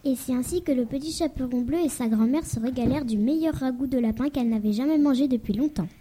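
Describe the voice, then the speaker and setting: Woman, storytelling, read aloud carefully, husky, very dark tone, higher pitch. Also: fast. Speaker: school pupil reading a story on a class radio show.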